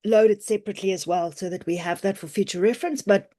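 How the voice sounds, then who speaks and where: A woman family physician giving an online teaching webinar with a hoarse, croaky voice, talking in a practical, conversational way with frequent "um"s. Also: mid-range voice, fast talker, mellow. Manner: practical, reassuring, loose and conversational with many "um"s. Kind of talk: online medical teaching talk. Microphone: computer mic on a video call.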